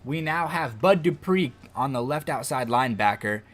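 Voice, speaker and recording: Excitable man doing football game commentary. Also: mid-range voice, moderate pace. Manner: excitable, loud outbursts over game plays. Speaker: gaming video host.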